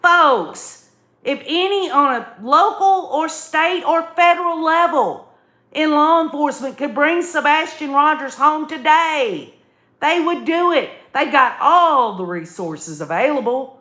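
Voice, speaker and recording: Hosting an opinionated livestream where she reads viewer comments, a woman speaks emphatically and folksily straight to her audience, repeating phrases for effect. Her slightly high voice is expressive, pushed and bright, and a little slow. Her voice carries a clear echo from the room.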